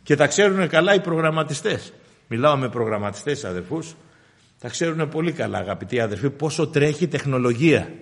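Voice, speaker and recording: A middle-aged man preaching a sermon, fervently addressing his listeners as brothers, his voice rising on emphatic points and dropping low when he addresses them. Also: expressive. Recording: long hall reverb.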